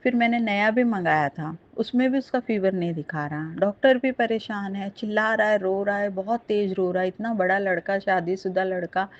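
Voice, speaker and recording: A woman's voice: mid-range voice, normal speed, hardly any pauses. A middle-aged woman earnestly telling a devotional testimony, speaking straight to her listeners. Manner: earnest, addresses listeners directly. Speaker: satsang storyteller. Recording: dull lo-fi recording.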